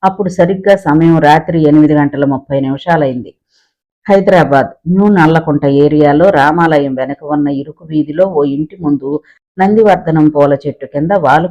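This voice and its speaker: A man narrating a story in a lively, descriptive storytelling manner. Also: on the high side, highs cut off.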